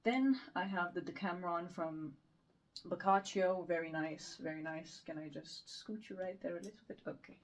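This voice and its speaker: A woman's voice: on the low side, moderate pace. A young woman from Romania in a casual, rambling chat, self-deprecating and full of fillers. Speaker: book vlogger. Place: bedroom.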